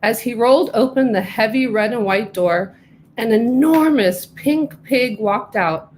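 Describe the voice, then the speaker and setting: A middle-aged woman reading her own storybook aloud with clear, careful narration. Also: on the high side, measured pace, darkish tone, slight background noise, poor audio. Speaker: author reading her book.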